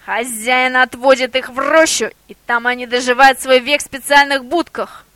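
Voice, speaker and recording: A gruff male guard dog chief barks out slow, heavy, growling words, as a woman reads him. The voice is high and bright, with a tight, dry sound. It sounds like a storybook reading. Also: steady tone, no echo. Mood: unsure.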